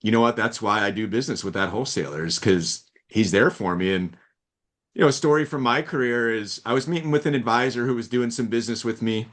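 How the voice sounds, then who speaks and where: A man hosting a podcast, telling stories in relaxed casual chat with quoted dialogue. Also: mid-range voice, quick pace. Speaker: podcast host.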